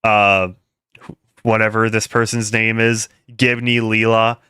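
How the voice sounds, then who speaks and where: A man's voice: lowish voice, monotone, slow pace, pushed and bright, smooth, no echo, clean studio sound. A young man rambling through casual livestream commentary, laughing often and restarting his sentences. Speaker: commentary streamer.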